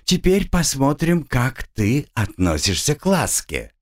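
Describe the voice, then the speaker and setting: A man's voice: mid-range voice, sing-song, unhurried. A man voicing a sadistic adult woman captor who purrs soothing words with mocking coldness. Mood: purring. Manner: purring, mocking, coldly soothing.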